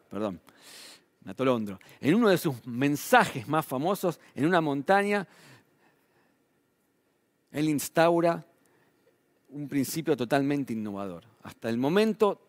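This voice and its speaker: Preaching with a Rioplatense Spanish accent, this male pastor keeps things conversational, sprinkling in tag questions while his voice climbs and dips to stress points. His voice sits in the middle range, with no room sound.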